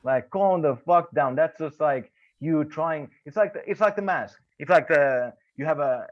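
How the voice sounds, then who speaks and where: A man's voice: a little high, normal speed. A man co-hosting a podcast in casual chat, ranting bluntly and swearing. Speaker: podcast co-host. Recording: slightly dull lo-fi sound.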